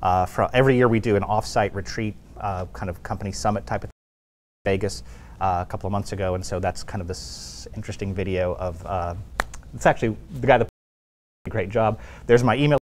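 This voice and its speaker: Lowish and a little fast, this man's voice comes with a slight hiss or hum. Appearing as a guest at a tech meetup, he presents casually and chattily with plenty of fillers, wearing a clip-on lapel mic before a live audience.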